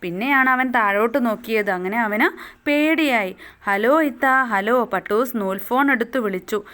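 A woman's voice: fairly high pitch, moderate pace, a bit bright. A young woman teacher, retelling a children's story and asking her pupils questions as she goes. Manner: explains and asks the listeners questions.

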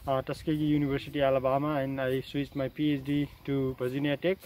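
A man's voice: mid-range voice, little pitch movement, quick pace, darkish tone, slight background noise, poor audio. A man from Nepal, a graduate student, introducing his research in an eager, earnest way outdoors. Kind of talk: self-introduction in an interview. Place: outdoors on a farm pasture.

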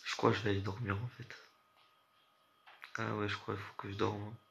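A man's voice: on the low side, little pitch movement, a little fast, creaky, fairly bright tone. Sleepless young man rambling to chat. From France. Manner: rambling, slangy, talks straight to chat. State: sleep-deprived. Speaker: gaming streamer chatting with viewers. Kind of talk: casual late-night stream chat. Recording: muffled lo-fi audio with faint hiss.

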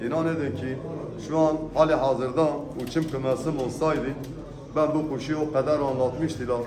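A man giving an unscripted auctioneer's sales pitch, presenting lots in an emphatic way and repeating his phrases. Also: fairly even intonation, moderate pace. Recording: echoey room with background noise. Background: birds, pigeons.

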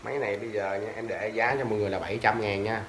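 A man's voice: fairly low pitch, steady tone, very fast, background noise. A young man in a casual sales chat, loosely showing off used fishing reels and rods while sitting on a tiled floor, often calling out to the viewers. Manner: loose and chatty, fumbling for brand names, often calling out to viewers. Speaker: seller of used fishing gear. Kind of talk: casual sales talk to camera. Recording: echoey tiled room.

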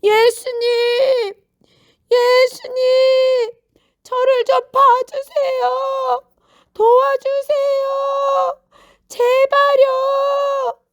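A woman voicing a desperate blind beggar man who cries out and pleads loudly for help. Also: extremely high pitch, fairly even intonation, drawn-out words, no room sound, studio quality, pitched above the performer's own voice, full character voice. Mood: pleading. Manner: crying out, pleading, wailing.

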